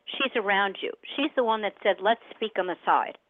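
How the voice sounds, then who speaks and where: A woman's voice: medium pitch, expressive, normal speed, no echo. A woman working as a psychic medium, talking casually and directly in short bursts as she gives live readings to callers. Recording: narrow band, phone-like audio.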